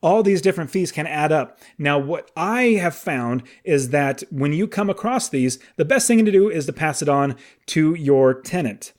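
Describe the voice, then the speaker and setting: Man in his late thirties, solo podcast host, slightly high voice, eager and chatty. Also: lively intonation, normal speed. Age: 30s. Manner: enthusiastic, conversational, emphatic asides.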